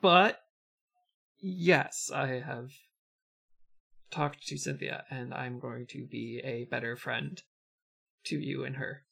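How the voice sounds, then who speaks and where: A man's voice: medium pitch, steady tone, takes it slowly, vocal fry, pauses often, fairly bright tone, breathy edge, heavily acted. A man voicing a cocky young woman running for president in a tabletop game, breezy and self-assured.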